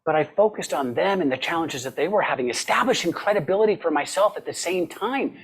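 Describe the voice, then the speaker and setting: A man speaking as a sales panelist in a roundtable discussion, telling stories in an animated way and acting out the conversations he quotes. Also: fairly high pitch, brisk, breathy edge.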